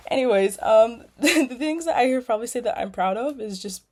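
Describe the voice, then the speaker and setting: A woman's voice: a little high, lively intonation, a little fast, a little mellow. Rambling young woman introducing herself. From California. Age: young adult. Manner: rambling, frequent ums and likes. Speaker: nursing student. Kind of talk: casual self-introduction video. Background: lawnmowers outside.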